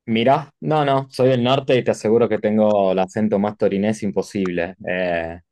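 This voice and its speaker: Fairly low in pitch and speaking at normal speed, an Italian architect from Turin is a guest in a casual interview. His Rioplatense Spanish carries an Italian flavor, and he meanders comfortably with many fillers and self-corrections.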